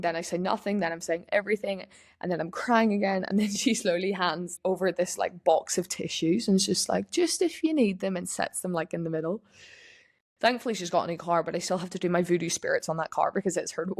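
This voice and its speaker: A woman's voice: lowish voice, steady tone, fairly quick. Frank, chatty young woman. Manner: frank and chatty, with many restarts and "like" fillers. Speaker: podcast host. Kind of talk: candid personal podcast talk.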